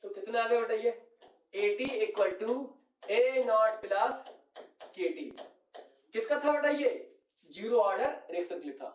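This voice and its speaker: A man's voice: high-pitched, expressive, unhurried, pauses often, recorded from a distance. A male chemistry teacher, explaining a lecture at the board and checking again and again that his students follow. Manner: addresses students as "beta", keeps asking "clear?". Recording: echoey room, voice off-mic, dull sound.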